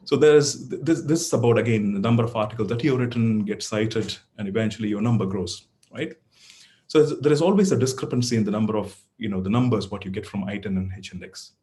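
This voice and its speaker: A middle-aged neurosurgeon whose first language is Tamil gives an online lecture to medical students in a conversational style. His voice is lowish and mellow, his pace quick, and his speech is full of fillers and restarts.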